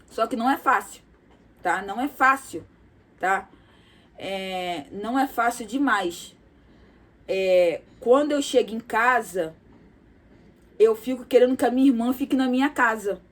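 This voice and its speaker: This confessional vlog features a woman with a slightly high voice confiding in her viewers. Her delivery is soft and hesitant, peppered with fillers, repetitions and the tag "tá?".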